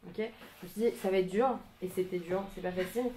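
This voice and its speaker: A young woman in her twenties the suburbs, giving an informal talk to a small group in a community room, filmed by a camera. She hesitates often, restarts and fills pauses. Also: lowish voice, fairly even intonation, mellow, a little hiss or hum. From France, Paris suburbs. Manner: hesitant, many fillers and restarts, self-conscious laughter.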